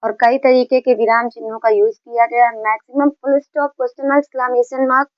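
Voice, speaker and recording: A woman's voice: fairly high pitch, fairly even intonation, fast, clear, resonant tone, dry recording, highs cut off. A woman teaching a grammar lesson, explaining patiently, repeating key points and mixing in English terms.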